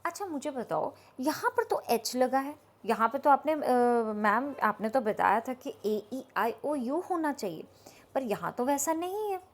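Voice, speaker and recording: Woman teacher, slightly high pitch, patient step-by-step grammar explanation. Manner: explains slowly, asks the class if they understood. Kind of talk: grammar lesson.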